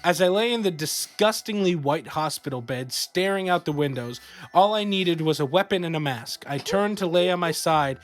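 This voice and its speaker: A man co-hosting a podcast, reading a horror story aloud in a slow, steady storytelling way. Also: a little high. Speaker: podcast co-host.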